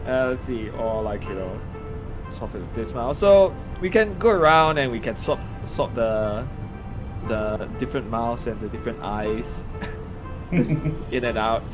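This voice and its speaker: A middle-aged game artist co-hosts a livestream, chatting casually while showing off his artwork on screen. He has a medium-pitched voice with lively intonation and speaks at a measured pace. Music plays in the background.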